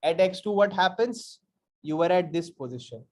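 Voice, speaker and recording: A man's voice: high voice, animated, normal speed, darkish tone. A man with a North Indian accent giving an interactive coding lecture, emphatic and repetitive, often quizzing his listeners with rhetorical questions. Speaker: programming teacher.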